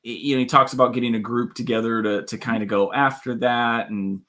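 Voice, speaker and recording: A man's voice: medium pitch, steady tone, brisk, sharp tone. A man hosting a casual talk show, chatty and laughing often, hedging with "right?". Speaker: podcast host. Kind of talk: casual chat.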